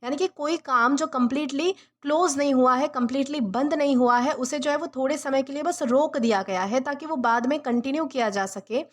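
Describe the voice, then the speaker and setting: High-voiced woman teaching vocabulary. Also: fairly quick, hardly any pauses. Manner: repeats and rephrases each meaning patiently. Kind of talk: vocabulary lesson explained in Hindi.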